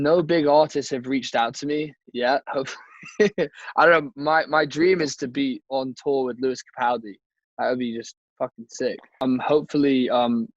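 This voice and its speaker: A man's voice: mid-range voice, no room sound. Guest casting: teenage male singer, modest and hesitant, heard over a dull, dry call line. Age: 10s. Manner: modest, hesitant, with restarts and fillers. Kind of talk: casual interview chat.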